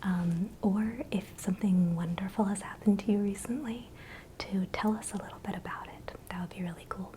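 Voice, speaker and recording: A woman giving a gentle, encouraging, unscripted ASMR pep talk in a breathy, unvoiced whisper. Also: medium pitch, steady tone, moderate pace. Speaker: ASMR channel host. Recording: clear background noise, ambient hiss.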